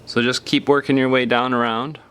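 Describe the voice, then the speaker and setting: A man presents a repair tutorial, walking through a hands-on task step by step in an unscripted, casual way and sometimes trailing off mid-phrase. His medium-pitched voice is level, a bit bright and a little fast, with slight background noise.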